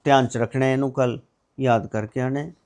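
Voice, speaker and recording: A man teaching English pronunciation, drilling words one at a time in a slow, deliberate way. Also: mid-range voice, steady tone, darkish tone.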